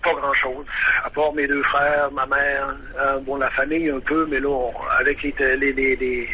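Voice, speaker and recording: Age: unknown. Sex: man. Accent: Québécois. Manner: hesitant, halting, nervous. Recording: dull phone line, faint hiss, bright tense tone. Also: mid-range voice, little pitch movement. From Quebec. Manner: hesitant, many "euh" and restarts, admits nervousness. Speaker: phone-in guest living abroad. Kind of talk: casual phone interview. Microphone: telephone.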